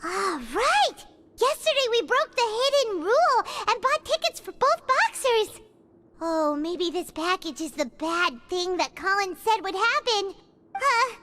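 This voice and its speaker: An actress voicing Paimon, a tiny, excitable fairy companion in a video game, chatty and squeaky, who talks about herself in the third person. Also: female voice, a little hiss or hum, full character voice. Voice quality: squeaky, childlike. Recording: game audio with loud music. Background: loud game music.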